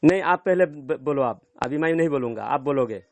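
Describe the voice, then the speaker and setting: A man's voice: fairly high pitch, expressive, dry recording. A man debating over the phone as a cleric, insistent and repeating his demands. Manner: insistent, repeats himself, pressing. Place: in front of an audience.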